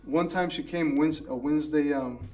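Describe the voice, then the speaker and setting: A man in his thirties chats casually with an interviewer, in a voice a touch higher than most men's. He tells loose, relaxed stories and restarts his sentences often. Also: moderate pace, soft background music. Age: 30s. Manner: relaxed storytelling with many restarts. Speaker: interviewee, food business owner. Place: coworking space.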